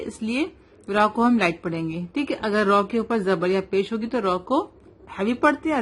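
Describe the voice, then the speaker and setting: Woman teaching recitation slowly, letter by letter. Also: fairly high pitch. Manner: patient, spells letters slowly, mixes English into explanations. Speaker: Quran teacher. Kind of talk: tajweed lesson, slow drilling.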